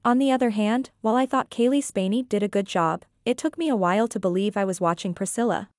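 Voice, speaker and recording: Speaking fast in a mid-range voice, this woman reviewer and author reads her script close to the mic with no echo. Her delivery is earnest, opinionated, and evenly read.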